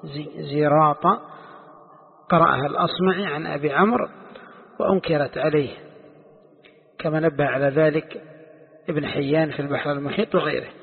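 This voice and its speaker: Gravelly-voiced man teaching a classical text. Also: fairly high pitch, steady tone. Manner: explains slowly, repeats phrases, asks listeners rhetorical questions. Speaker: Islamic scholar teaching tafsir. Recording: tinny phone-like sound with long hall reverb.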